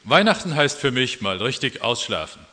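Ein Mann, der in einer Fabel einen faulen, schläfrigen Dachs spricht. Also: male voice, mid-range voice, big pitch swings, normal speed, bright, forceful tone, in a large hall. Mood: träge. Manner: lazy, colloquial. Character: lazy badger who only wants to sleep.

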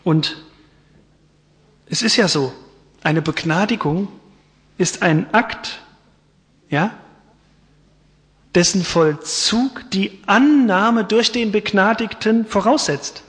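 A male preacher tells a story in an earnest, dramatic sermon. His voice sits high for a man. It carries through a church with a long reverb. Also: slow, long pauses, fairly bright tone.

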